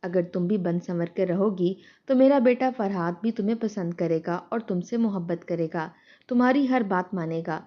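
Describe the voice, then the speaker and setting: A woman's voice: lowish voice, lightly acted. Bossy, lecturing village aunt read by a woman, slightly muffled storybook recording. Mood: insistent. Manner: insistent, lecturing.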